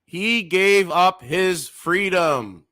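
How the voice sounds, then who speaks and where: A man in his thirties hosting reaction commentary, lecturing in a heated, preachy way with sudden loud outbursts. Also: sits high, expressive, very slow, no room sound. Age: 30s. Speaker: commentary channel host.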